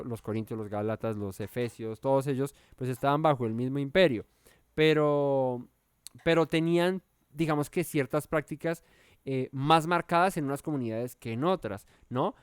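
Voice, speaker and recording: Bible teacher, smooth higher voice, halting. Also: male voice, no echo, clean studio sound. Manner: halting, thinks aloud with many fillers and self-corrections; checks in with listeners by asking "¿sí?" and "¿no?". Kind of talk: verse-by-verse Bible study teaching.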